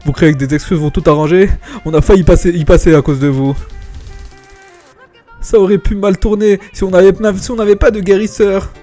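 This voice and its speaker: A man's voice: mid-range voice, fairly even intonation, brisk, long pauses, dark tone, soft background music, lightly acted. A man voicing a stern male raid leader in a game, reproachful and formal.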